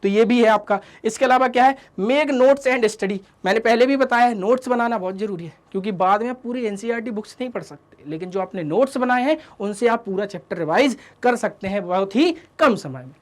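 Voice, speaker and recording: A man's voice: high-pitched, fast talker, hardly any pauses. A male teacher giving a motivational study talk to students, lecturing in a fatherly, scolding way with rhetorical questions and English catchphrases. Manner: scolding and fatherly, addresses listeners as "beta", asks rhetorical questions; mixes English catchphrases into the lesson.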